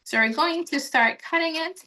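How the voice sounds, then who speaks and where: A Honduran woman leads a friendly online cooking demo, explaining things as she chops and prepares food. Her voice is very high, bright and forceful, moving at a moderate pace.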